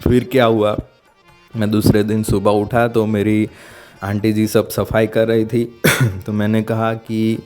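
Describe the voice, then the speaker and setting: A man tells a heartfelt personal testimony in a dark, relaxed voice. He speaks earnestly, often halting and starting sentences over as he looks for the right words. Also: lowish voice, faint music behind. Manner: halting, searching for words, frequent restarts. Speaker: devotee sharing a testimony.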